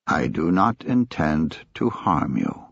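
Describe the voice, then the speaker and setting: A man voicing an armed male gunman with a Chinese accent, giving slow, clipped threats. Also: extremely low pitch, big pitch swings, vocal fry, husky, no room sound, muffled recording, pitched below the performer's own voice, full character voice. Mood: menacing. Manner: slow, clipped menacing commands.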